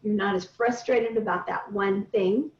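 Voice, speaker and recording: A middle-aged woman with a medium-pitched, slightly mellow voice speaks unhurriedly and fairly evenly as she guides a group step by step through coaching points. It's recorded indoors on a group video call, with roomy, distant, dull online audio.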